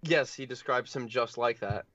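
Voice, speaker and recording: A man's voice: medium pitch, normal speed, fairly bright tone, no room sound. A man co-hosting a casual film review podcast, with dry, wry retorts. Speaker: podcast co-host. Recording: dull, dry lo-fi mic.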